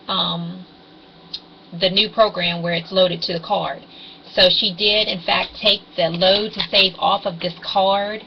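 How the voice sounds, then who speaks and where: Brief: woman in her 40s on a distorted, fuzzy webcam, lower voice, meandering, lots of ums, faint hiss. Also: creaky, dull audio. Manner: meandering, hesitant, with frequent ums. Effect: fuzzy distorted webcam audio. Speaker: couponing vlogger. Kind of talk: casual rambling explainer.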